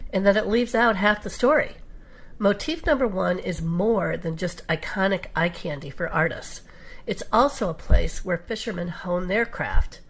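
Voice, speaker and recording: A woman giving measured, scripted documentary narration. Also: on the low side, breathy edge, rough recording. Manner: measured, even storytelling delivery. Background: music.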